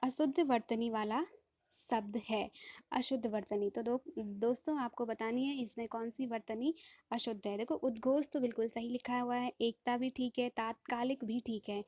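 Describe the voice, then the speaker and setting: Woman online tutor, exam-prep lesson, patient and repetitive, a bit high-pitched. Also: no room sound, lo-fi sound. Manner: patient, repeats "ठीक है?" after each point; addresses viewers as friends, explains rules step by step. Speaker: teacher.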